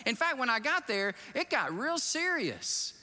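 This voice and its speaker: A man preaching as a pastor, telling a story in an animated, excitable way and jumping up in pitch to act out scenes, in a church sanctuary. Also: a little slow. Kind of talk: storytelling sermon. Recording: reverberant hall.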